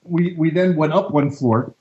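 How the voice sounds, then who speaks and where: A man's voice: on the high side, moderate pace, darkish tone. A man co-hosting a podcast, jumping in to finish a shared story in a casual chat. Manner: chatty, jumps in to finish stories. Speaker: podcast co-host. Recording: dull lo-fi sound.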